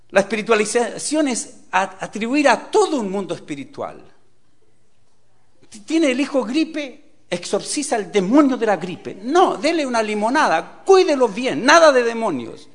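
Animated man preaching, lively pitch. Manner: animated, swings from loud exclamations to quiet asides; rhetorical questions to the audience. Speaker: pastor. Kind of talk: sermon.

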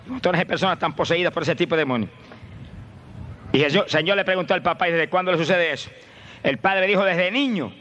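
A fervent male preacher, his high, bright voice swinging between hushed low asides and soaring shouts of praise. Faint outdoor noise hums behind him. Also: highs cut off. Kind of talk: fervent sermon.

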